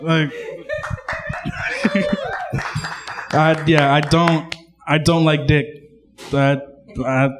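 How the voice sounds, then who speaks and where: A young man from a Mexican-American family doing a casual, slangy stand-up comedy set, calling people "bro". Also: on the high side.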